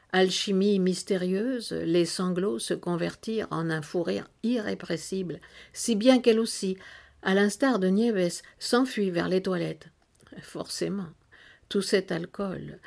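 Gravelly-voiced woman reading a novel. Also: on the low side. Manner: expressive storytelling with sharp rises. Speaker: narrator. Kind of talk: literary reading aloud.

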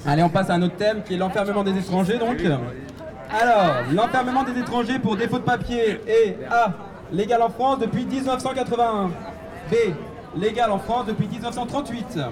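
A man hosting a public quiz at an outdoor gathering, animated and upbeat, calling out answers to the crowd. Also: very high-pitched, fairly quick. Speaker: quiz host at a rally. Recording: distant outdoor recording with a crowd.

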